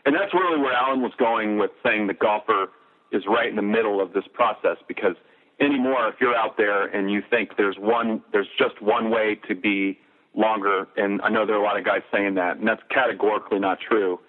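A man's voice: lowish voice, brisk. Joking marketing man, tinny sound. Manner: jokey, upbeat, laughs often. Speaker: marketing executive. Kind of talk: promotional interview chat. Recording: tinny phone-like audio.

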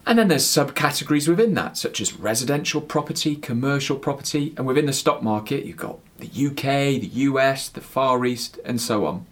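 A man's voice: medium pitch, a little fast, few pauses. West Country man explaining on a podcast. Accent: West Country English. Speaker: financial expert on a podcast. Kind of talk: conversational explanation.

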